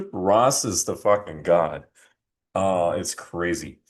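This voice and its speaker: Male host, middle-aged, deep register, loose profane commentary with stop-start phrasing. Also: big pitch swings, takes it slowly. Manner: rambling, profane, frequent restarts. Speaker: channel host. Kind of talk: casual livestream commentary.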